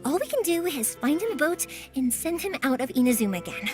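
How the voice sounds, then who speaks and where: An actress playing a warm-hearted, chatty young woman in a video game, energetic and friendly. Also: high-pitched, a little fast. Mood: reassuring, careful. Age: young adult. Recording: music behind.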